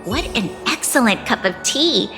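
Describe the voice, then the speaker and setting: Refined, composed noblewoman, fairly high. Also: expressive, moderate pace, long reverb tail, music in the background. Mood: serene. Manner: formal, elegant. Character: refined, composed young noblewoman, gently preaching. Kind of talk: video game voice acting.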